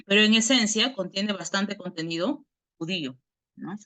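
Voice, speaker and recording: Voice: mid-range voice, normal speed, sharp tone. A Bible study teacher, giving an explanatory lesson over a video call, who tags nearly every phrase with a questioning "right?" and often restarts words while thinking aloud.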